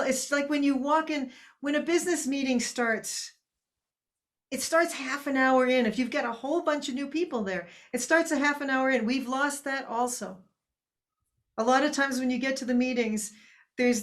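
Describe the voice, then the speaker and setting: A woman with a fairly high voice hosts a meeting over a video call. She is chatty and laughs easily, and she keeps drawing the others in. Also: fairly quick. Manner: chatty, laughs often, asks others to speak. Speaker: meeting host. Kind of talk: casual video call talk.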